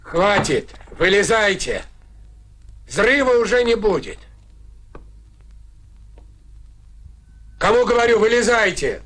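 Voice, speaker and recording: Calm, sardonic villager; bright, lively, fairly high. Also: male voice, measured pace, exaggerated voice. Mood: reassuring. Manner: mocking, dismissive. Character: unbothered village explosives man. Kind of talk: comedy film acting.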